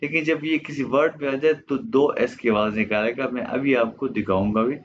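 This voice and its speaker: A man whose first language is Urdu, teaching a German lesson slowly and patiently, repeating each word for his students. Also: medium pitch, highs cut off, a little hiss or hum.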